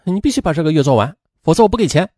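A man's voice: fairly high pitch, sing-song, rapid-fire, mellow, no echo, clean studio sound, voice pushed up. A man voicing a brusque young mother who bluntly refuses her nanny's requests. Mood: curt.

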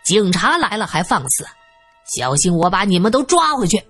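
A woman's voice: medium pitch, sing-song, moderate pace, fairly bright tone, slightly rough, no room sound, faint music behind. A woman voicing a handsome young policeman who talks glibly with mock politeness in an audio story.

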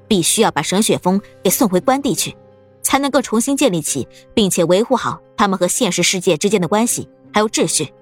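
A woman narrating an audiobook story in a steady, expressive storytelling manner. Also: mid-range voice.

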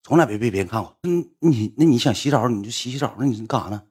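A man with a Northeastern Mandarin accent telling a slangy, animated story to a livestream audience, swearing freely. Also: mid-range voice, fast talker, slightly rough. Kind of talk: casual anecdote telling.

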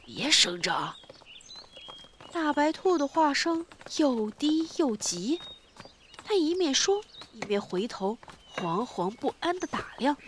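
A woman narrating a children's story aloud in an expressive reading voice. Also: high-pitched, a little hiss or hum. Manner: slow, expressive, lively storytelling.

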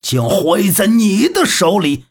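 Reader doing a brash drunken warlord, loud and lively, husky. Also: mid-range voice, takes it slowly, pitched above the performer's own voice, heavily acted. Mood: bitter. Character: cruel drunken male warlord, boastful.

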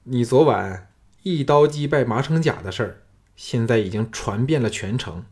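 A man's voice: animated, normal speed, a little mellow, lightly acted. Man voicing an earnest, cautious old counselor. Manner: earnest, urging, lowered confiding voice.

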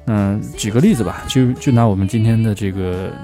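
A man teaching English pronunciation, who slows down to drill phrases again and again. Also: lowish voice, mellow, soft background music. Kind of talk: spoken language lesson.

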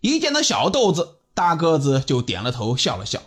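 A man telling a story in an animated, dramatic way and voicing all of its characters. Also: fairly high pitch, moderate pace, slightly rough, soft background music. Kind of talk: storytelling narration.

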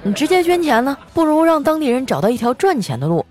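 Playful older brother who teases with a grin, lively delivery, voiced by a woman. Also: sits high, quick pace, soft background music, a faint crowd, voice pushed up. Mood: teasing. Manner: joking, mocking.

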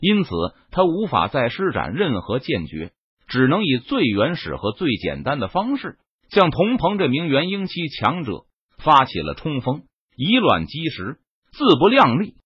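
A man narrates a fantasy battle as an audiobook, pressing hard on every clash. His voice is husky and rises and falls widely. The recording sounds dull, dry and close. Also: medium pitch, wildly swooping pitch, normal speed, no echo. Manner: dramatic, emphatic delivery of action scenes. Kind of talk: dramatic novel narration.

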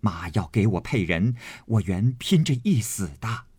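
Guy doing a fierce young maid, pitched up, husky and pleading, lively storybook voice. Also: unhurried, no echo, exaggerated voice. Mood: defiant. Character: young maid, passionate and defiant. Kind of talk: storytelling reading of a classic novel.

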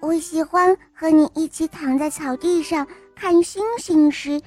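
A woman's voice: high voice, fairly even intonation, a little slow, darkish tone, faint music behind, pitched above the performer's own voice. A woman voicing a sweet, affectionate little bunny child in a storybook, cooing and childlike.

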